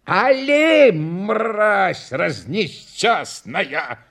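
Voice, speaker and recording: A man voicing a hapless young male clown who shouts and pleads in clumsy, broken speech. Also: very high-pitched, expressive, slow pace, voice pushed up, heavily acted. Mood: frantic.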